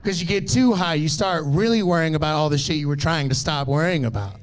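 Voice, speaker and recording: Profane stand-up comic, thirties. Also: male voice, a little high, fairly quick. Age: 30s. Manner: profane, animated storytelling with crowd asides. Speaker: stand-up comedian. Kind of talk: stand-up comedy set.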